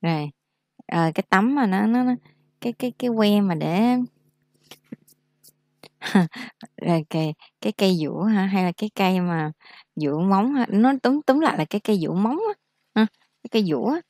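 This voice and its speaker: A woman teaching English vocabulary in a casual lesson, explaining slowly and repeating each word for practice. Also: mid-range voice, lively intonation, a little mellow, no room sound, studio quality.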